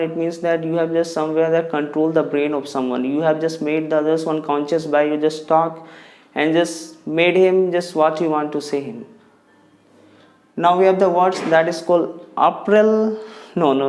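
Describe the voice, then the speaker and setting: A young man teaching pronunciation in a casual video lesson, repeating words slowly and often restarting his sentences. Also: fairly high pitch, a little mellow. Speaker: English tutor.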